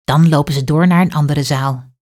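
A woman's voice: sits low, normal speed. A woman, reading a children's story aloud expressively. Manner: clear, expressive read-aloud.

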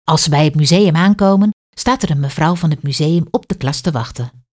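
A woman's voice: low-pitched, a little fast. A woman, reading a children's story aloud expressively. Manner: clear, expressive read-aloud.

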